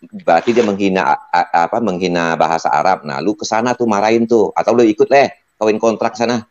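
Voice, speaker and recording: A man's voice: lowish voice, fairly even intonation, a little fast, a little mellow, highs cut off, slight background noise. A man in a heated, casual debate who needles his opponent, repeats words and stammers. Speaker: debater in online voice chat.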